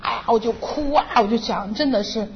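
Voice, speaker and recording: A woman's voice: on the high side, brisk. Earnest woman testifying in a church hall. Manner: earnest and emotional, re-enacting her own prayers. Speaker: church member giving testimony. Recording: muffled, reverberant hall with faint noise.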